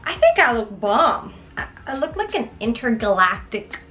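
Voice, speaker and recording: Young female vlogger, fairly high, animated voice, jokey and rambling, faint music behind. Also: normal speed. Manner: joking, rambling, yelps in pain. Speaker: beauty vlogger. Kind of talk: casual chatty tutorial. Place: at home in front of a mirror.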